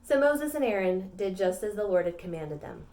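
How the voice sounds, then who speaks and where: A middle-aged woman teaching a children's Bible lesson with props, animated and playful, talking directly to the kids. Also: medium pitch, normal speed. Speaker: Sunday school teacher.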